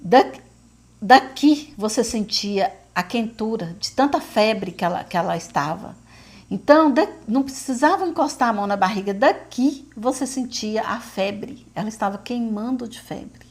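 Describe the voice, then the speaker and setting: A woman's voice: fairly high pitch, lively intonation, moderate pace. A Brazilian woman telling of her faith as a mother, in an earnest, repetitive way that speaks straight to listeners. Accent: Brazilian Portuguese. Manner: earnest, addresses listeners as "gente", many fillers and repetitions. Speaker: mother giving testimony. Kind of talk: emotional faith testimony.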